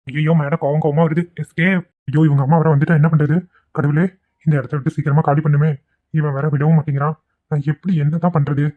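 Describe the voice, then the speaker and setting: A man voicing a gentle young man in a cartoon who pleads earnestly and gets flustered. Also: fairly high pitch, flat delivery, fast talker, close to an everyday voice. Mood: worried. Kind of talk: cartoon voice acting. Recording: tinny phone-like recording.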